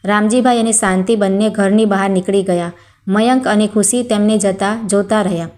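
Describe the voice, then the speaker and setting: Here is a woman storyteller reading a short moral tale aloud. She keeps a steady, even delivery, with her voice sitting at a medium pitch for a woman. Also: normal speed. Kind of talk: scripted story narration.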